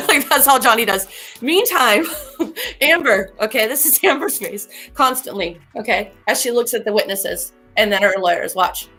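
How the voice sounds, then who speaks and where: A woman's voice: fairly high pitch, expressive, measured pace, sharp tone, faint music behind. A woman hosting a casual livestream as a spiritual reader, chatty and rambling, laughing often.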